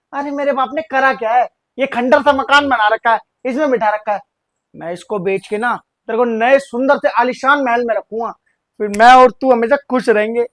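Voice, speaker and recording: A man's voice: extremely high pitch, a bit bright, dry recording. An actor playing a greedy adult son who smugly plots against his parents in a village short film. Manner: smug, conspiratorial. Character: scheming greedy adult son plotting murder.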